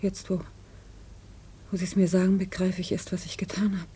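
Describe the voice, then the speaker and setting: An actress playing a frightened woman witness in a 1950s radio drama, speaking in a breathy, faltering, near-whispered way. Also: lowish voice, steady tone, moderate pace, dark tone. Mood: fearful, hesitant.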